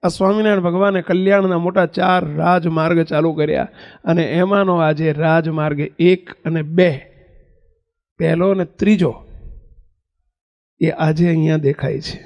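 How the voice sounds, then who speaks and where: Male preacher with a high voice, animated storyteller who voices his characters, recorded in a reverberant hall. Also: muffled recording. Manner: animated, acts out dialogue with raised pitch; chants a hymn verse slowly. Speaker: preacher telling a religious story. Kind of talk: devotional sermon storytelling.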